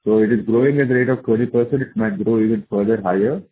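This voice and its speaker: A man with an Indian accent answers questions as a company executive on an earnings call, speaking confidently and restating the main points. He talks fast in a lowish voice, heard through a tinny, narrow phone conference connection.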